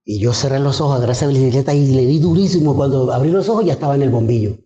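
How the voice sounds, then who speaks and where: A man's voice: medium pitch, rapid-fire, warm tone, echoey room, muffled recording. A man, a pastor preaching a sermon and fervently telling his own testimony to the congregation. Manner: fervent storytelling, addresses the congregation as brothers.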